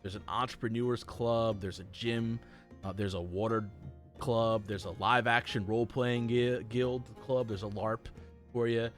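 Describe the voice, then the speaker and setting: A man's voice: mid-range voice, fairly even intonation, normal speed, soft background music. A man running a tabletop game as dungeon master, narrating in a loose, rambling way full of fillers.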